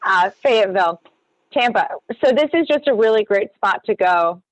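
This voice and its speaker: A woman co-hosting an online real estate training, chatting casually as she walks through a screen-share tutorial with quick apologetic asides. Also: mid-range voice, expressive, dry recording. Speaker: real estate agent and co-host. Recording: dull, dry lo-fi video call.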